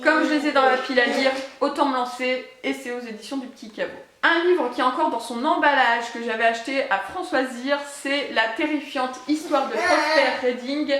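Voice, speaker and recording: A woman with a fairly high voice chats casually about her reading plans, often pausing on fillers. Her voice rings a little in an echoey room. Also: a bit bright. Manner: chatty, many hesitations. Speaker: book vlogger. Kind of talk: casual book haul chat.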